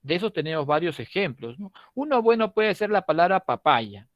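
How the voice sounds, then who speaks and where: A very animated, high-pitched middle-aged man from Lima lectures a prep-course language class at a moderate pace, his Peruvian Spanish accent clear. He's conversational, jokes around with students, and tags many lines with "¿no?"; the recording has no echo but its highs are cut off.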